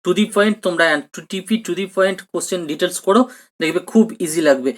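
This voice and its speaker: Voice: mid-range voice, normal speed. A teacher gives a recorded exam-prep grammar lesson, explaining patiently, repeating each question and often checking in with students. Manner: mixes English terms into speech.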